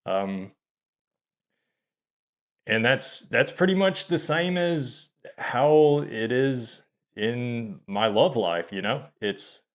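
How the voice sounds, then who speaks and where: A channel host in his thirties speaks to camera in a confessional monologue, halting and hesitant, often trailing off and starting again. He's soft-spoken and self-deprecating, with a medium pitch and an animated delivery.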